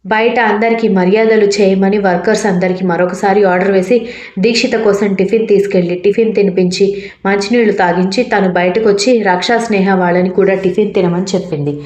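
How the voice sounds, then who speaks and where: A woman reading a romance story aloud in a steady narrating manner. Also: mid-range voice, fast talker, reverberant.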